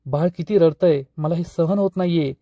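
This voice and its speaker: A man playing an angry young man who shouts threats while protecting his sister. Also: on the high side, normal speed, no echo, clean studio sound, close to an everyday voice. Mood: worried.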